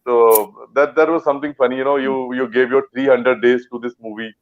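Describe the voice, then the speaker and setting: In a relaxed interview chat, a Punjabi actor guest speaks Indian-accented English, wandering through fillers and restarts. He talks briskly in a mid-range voice with fairly even intonation, and the sound is dull.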